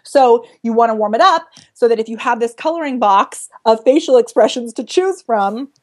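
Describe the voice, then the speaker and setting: Female speaking coach, quick and chatty, slight lisp, easy laughter. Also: on the high side, animated. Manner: fast-talking, bubbly, laughs often. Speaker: vocal coach. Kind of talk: casual chat.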